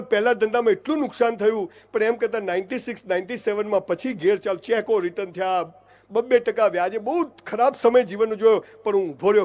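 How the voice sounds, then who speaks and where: A middle-aged man with a Gujarati accent giving an emphatic motivational speech to an audience, often calling listeners "saheb" and "boss". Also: sits high. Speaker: motivational speaker.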